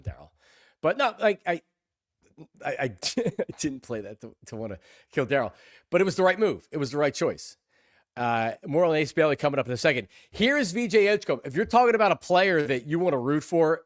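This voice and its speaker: Sports radio guy riffing fast, keeps repeating himself, super dry close sound. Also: on the high side, no room sound. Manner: excitable, rambling, repeats words. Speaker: sports talk show host. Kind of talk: casual sports talk.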